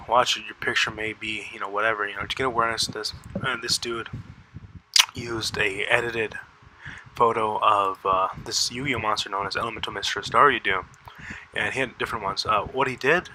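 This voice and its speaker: A man rambling through casual commentary at a close mic, halting with many fillers and restarts. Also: on the low side, sharp tone, slight background noise, poor audio. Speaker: YouTuber. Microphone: close desk mic.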